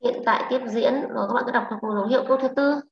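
Woman teacher, Vietnamese accent, higher voice, echoey lo-fi audio. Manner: brisk, scolding and coaxing students with questions. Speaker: English teacher. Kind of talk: online class teaching. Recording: echoey, lo-fi online class audio.

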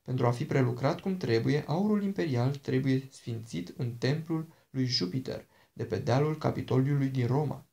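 A man's voice: medium pitch, vocal fry, mellow, natural voice. A man voicing an ancient princess, a charming and dangerous woman who talks in a sweet, persuasive, coaxing way.

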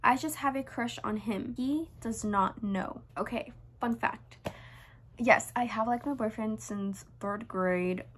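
A young woman with a fairly high voice reads her childhood diary aloud. She sounds amused and a little embarrassed by it, gently mocking herself. The reading is broken up by casual, chatty asides. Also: slow pace. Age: young adult. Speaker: vlogger. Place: small bedroom, indoors.

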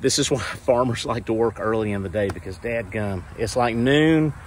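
A man's voice: on the low side, normal speed, slight background noise. A man in his forties, chatty and folksy, vlogging on his farm while holding his phone at arm's length outdoors. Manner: folksy, chatty, repeats himself. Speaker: homesteading vlogger. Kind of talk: casual vlog narration. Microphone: phone held at arm's length.

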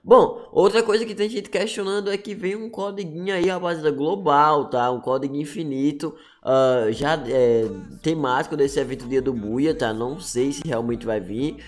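A man's voice: on the high side, moderate pace, hardly any pauses. A Brazilian man giving casual, chatty, slangy gaming news, his voice slightly choked by swollen, inflamed tonsils or throat. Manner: chatty, slangy, peppering sentences with tags. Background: music.

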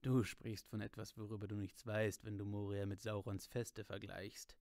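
A man reading aloud voices an old, wise male wizard, speaking in a measured, calm, slightly lowered voice. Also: gravelly, no room sound, studio quality. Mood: grave.

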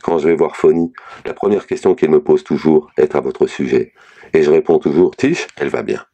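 A frank, matter-of-fact lawyer, read by a man with an extremely deep voice and a dark, mellow tone. He lays out bad news in measured, level sentences, in a storybook reading. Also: gravelly, lo-fi sound, full character voice. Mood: reassuring. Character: lawyer, middle-aged man, blunt and candid.

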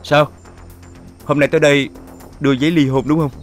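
An actor playing a resentful husband who speaks curtly and sarcastically. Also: male voice, a little high, flat delivery, fairly quick, faint music behind, natural voice. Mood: cold. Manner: curt, sarcastic. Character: cold, resentful young husband.

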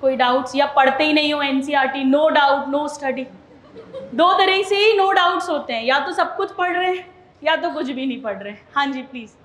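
A woman teacher with a high voice talks a class through a study method step by step. She stops often to check that her students follow. The room is echoey around her. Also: normal speed, fairly bright tone. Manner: explains step by step, asks students if they follow. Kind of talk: classroom lesson.

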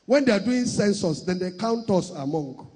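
Raspy high-voiced Nigerian preacher shouting. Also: male voice, lively intonation, normal speed, long reverb tail. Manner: shouting preacher, swings from loud declarations to soft asides. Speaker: pastor. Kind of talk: sermon. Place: church.

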